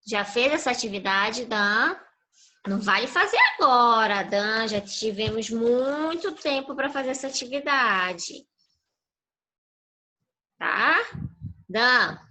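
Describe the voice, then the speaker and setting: Bright-voiced woman teaching children. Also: fairly high pitch, low-quality recording. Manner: patient, prompting with fill-in questions. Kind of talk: online class review for young children. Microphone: video call.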